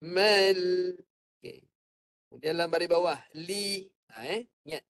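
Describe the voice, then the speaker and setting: A man teaching Quran recitation. He explains each point calmly and sings the verses in a drawn-out chant for students to copy. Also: a little high, gravelly, no echo. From Malaysia. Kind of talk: slow patient recitation lesson. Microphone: online class microphone.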